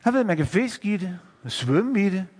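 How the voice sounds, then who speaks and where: High-voiced man telling children a story. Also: slightly rough, long reverb tail. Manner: lively, addressing listeners directly, showing pictures.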